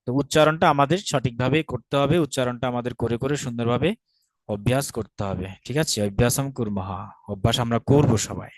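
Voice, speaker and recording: A man with a Bangladeshi Bengali accent teaching a Sanskrit lesson online, patiently repeating each word slowly for pronunciation. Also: medium pitch, no echo.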